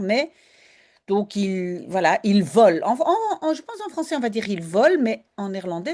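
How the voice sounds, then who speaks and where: A Dutch language teacher, a woman with a medium-pitched, lively voice, speaks slowly and explains as she goes. She switches between Dutch and French while reading and translating a text line by line.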